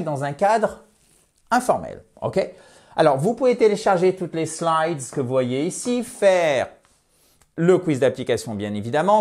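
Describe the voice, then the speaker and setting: A man's voice: medium pitch, darkish tone. Man teaching English in a lesson. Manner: explains step by step, slows down to model English words. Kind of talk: online language lesson.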